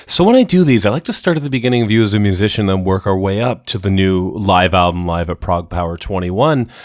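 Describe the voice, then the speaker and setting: A man's voice: deep voice, animated, fast, dry recording, studio quality. A Canadian man hosting a casual music interview in a chatty, affable and agreeable way.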